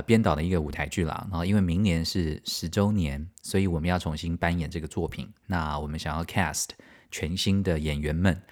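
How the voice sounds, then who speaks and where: A middle-aged man with a Taiwanese Mandarin accent and a notably deep, low voice. He hosts a casual podcast, telling anecdotes in an animated, self-mocking way. He breaks into laughter often as he talks. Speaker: podcast host and stage director. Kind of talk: casual storytelling, answering listener mail.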